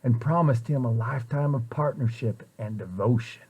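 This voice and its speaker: A man with a husky, mid-range voice reads a children's picture book aloud, using expressive, deliberate storyteller phrasing.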